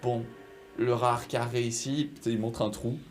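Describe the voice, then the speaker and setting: A man's voice: medium pitch, steady tone, moderate pace, darkish tone. A man, improvising narration and dialogue as a tabletop game master in a casual, hesitant way. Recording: music playing behind the voice. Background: music.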